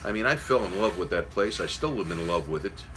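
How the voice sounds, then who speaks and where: A man's voice: sits low, expressive, fast, slight background noise, poor audio. A middle-aged man from New City, telling stories casually in a folksy, reminiscing way. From Queens, New York City. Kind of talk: casual storytelling.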